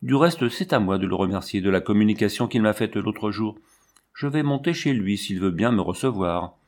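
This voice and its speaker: A man's voice: fairly low pitch, animated, normal speed, natural voice. A man reading aloud, voicing a terse, proud young army captain in a storybook. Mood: curt. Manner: curt, clipped.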